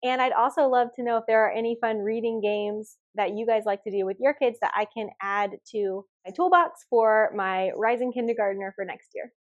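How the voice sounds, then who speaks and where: A woman in her thirties hosting a homeschool channel, explaining reading games step by step in an upbeat, practical way and slowly sounding out letters. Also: a little high, dull audio. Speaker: homeschooling mom and channel host. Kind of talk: instructional video talk.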